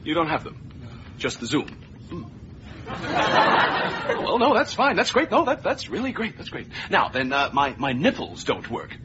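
In a sitcom, an actor plays a prim android man newly turned human, a robot faking human ways who talks in a fussy, formal manner and sounds puzzled. His voice is a little high and sing-song, at a moderate pace with frequent pauses. The TV sound is dull, with audience laughter, crowd noise, and other noise.

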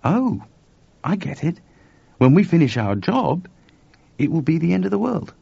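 A man voicing a weary, skeptical young male engineer with a gruff, sardonic way of talking. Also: a little high, very animated, normal speed, mellow, no echo, pitched above the performer's own voice, full character voice. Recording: dry, dull lo-fi recording.

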